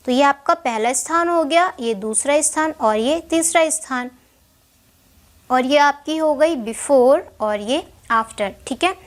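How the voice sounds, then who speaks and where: Young lady teaching shorthand, slow careful explaining, asks then answers her own questions, higher pitched voice. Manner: slow, patient, checks in with "ठीक है" often; asks the class questions and answers them herself. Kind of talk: step-by-step whiteboard lesson.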